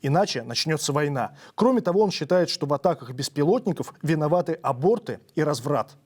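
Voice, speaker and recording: A man's voice: a little high, lively intonation, fast, a little mellow, husky. A man presenting the news, reading scripted reports as narration.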